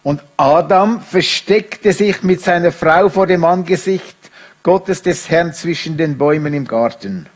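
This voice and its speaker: A middle-aged man preaching a sermon, moving between quiet, reflective passages and raised, emphatic speech. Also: a little high, a little slow.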